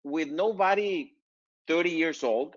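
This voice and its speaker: A man, hosting a casual panel chat over a video call and speaking in a measured way with many fillers. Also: fairly high pitch, muffled recording. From northern Mexico. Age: 50s. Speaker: company CEO and host.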